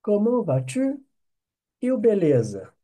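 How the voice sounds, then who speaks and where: A man's voice: sits high, wildly swooping pitch, slow pace, warm tone. A Brazilian man with a Brazilian Portuguese accent teaching an online French lesson, patiently drilling phrases and checking with "ok?".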